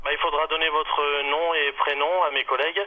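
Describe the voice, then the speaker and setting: A fast-food employee taking a complaint on a prank call, polite and apologetic. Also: male voice, fairly high pitch, little pitch movement, over a noisy crowd. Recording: noisy phone line.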